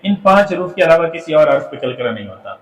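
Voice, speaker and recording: A man teaching a tajweed lesson from slides, explaining patiently with filler pauses and sounding out demonstration syllables. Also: a little high, big pitch swings, reverberant, distant mic, low-quality recording. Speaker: Quran recitation teacher.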